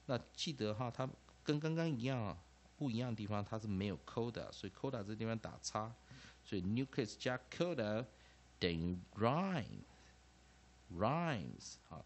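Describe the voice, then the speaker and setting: A man with a Taiwanese Mandarin accent explains English phonics in a classroom-style lecture. His voice sits low but swings widely in pitch. He keeps repeating terms and punctuates almost every phrase with "ah" or "ha". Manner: lively, peppers phrases with 'ah' and 'ha', repeats terms. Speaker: English teacher.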